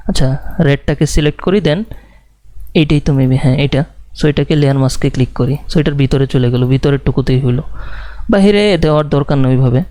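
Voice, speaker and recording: A man teaching a live design tutorial, talking slowly and thinking aloud with many fillers and English words mixed in. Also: a little high, warm tone, no echo.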